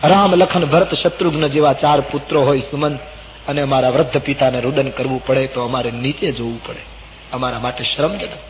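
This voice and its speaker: A man voicing a young prince, a devoted son who pleads in a high, urgent voice. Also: fairly even intonation, brisk, slight background noise, close to an everyday voice. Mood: pleading. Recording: dull old recording in a reverberant hall.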